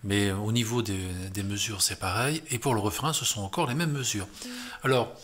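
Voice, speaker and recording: A man's voice: fairly low pitch, moderate pace, fairly bright tone. A man with a French accent teaching a beginner guitar lesson, explaining chords step by step and counting beats aloud.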